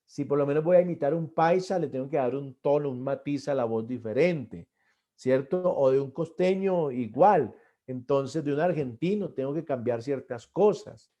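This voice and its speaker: A middle-aged man giving a church arts lesson on stage performance, earnest, often repeating and restarting his words and pushing key points louder. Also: medium pitch, moderate pace. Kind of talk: classroom lecture on stage performance.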